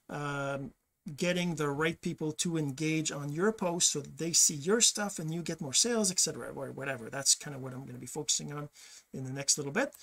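Talking casually over a screen share, a middle-aged podcast host from Quebec, whose first language is French, rambles through a monologue and often self-corrects. His voice is on the high side and fairly bright, picked up by a desk webcam in a small home office.

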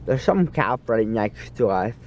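Groggy, loopy teenage guy, swooping pitch. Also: very animated, a little slow, darkish tone. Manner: goofy, disjointed rambling. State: groggy and loopy from anesthesia, mouth numb after dental surgery. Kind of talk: rambling casual selfie vlog. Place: inside a moving car. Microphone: phone at arm's length. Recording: muffled phone audio with car road noise.

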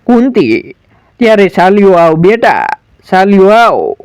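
A man storyteller voicing a tender older royal mother in a dramatic recitation, gentle and coaxing. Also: high-pitched, very animated, measured pace, clean tone, dry recording, full character voice.

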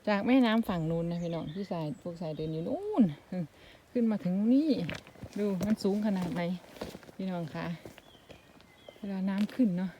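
A woman's voice: fairly low pitch, big pitch swings, normal speed, warm tone, a little hiss or hum. A woman with an Isan accent talking casually as she walks and films outdoors in the countryside, keeping up a friendly patter with her viewers. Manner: chatty, keeps addressing viewers as brothers and sisters. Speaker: vlogger. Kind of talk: casual walking vlog.

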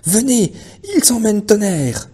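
Frantic old donkey shouting, as a male reader puts him on. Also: high-pitched, sing-song, a little slow, breathy edge, pitched above the performer's own voice, heavily acted. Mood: alarmed shouting. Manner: shouting in alarm.

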